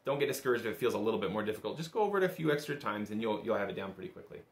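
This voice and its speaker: A young bagpipe instructor teaches a casual music lesson at a table in a small indoor room, encouraging and easygoing in a conversational style. His voice is on the low side, very animated and very fast, with a roomy indoor echo.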